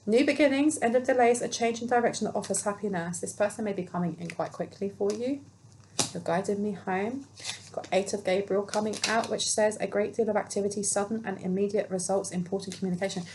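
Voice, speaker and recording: A woman's voice: mid-range voice, steady tone, fast, hardly any pauses, noisy background. A woman giving a casual, chatty tarot reading, reading card meanings aloud and musing on them. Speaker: tarot reader.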